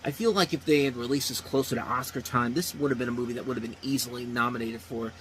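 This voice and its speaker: He's a fast-talking movie host in his thirties with a steady, slightly bright mid-range voice, giving a casual unscripted review full of restarts and repeated phrases. The audio is poor, with faint background hiss.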